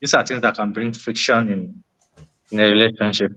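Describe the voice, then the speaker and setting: A man's voice: fairly low pitch, steady tone, a little fast, sharp tone, lo-fi sound. A man with a West African accent gives conversational relationship advice, repeating key words for emphasis and posing rhetorical questions. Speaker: panel discussion participant.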